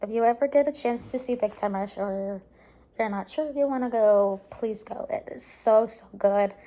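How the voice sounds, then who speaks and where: A woman's voice: a little high, normal speed. A woman recapping a concert in a casual vlog to camera at home, gushing and full of "like" and "um" fillers, sometimes dropping to a near-whisper, and tired. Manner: soft, drops into quiet near-whispers at times. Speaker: vlogger.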